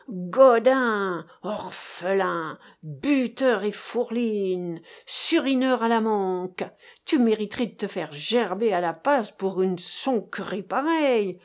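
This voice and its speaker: A woman voicing a gruff, brutal male bandit who gives grand, emotional speeches in an audiobook. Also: a little high, darkish tone. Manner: grand ranting speeches, slang-laden outburst.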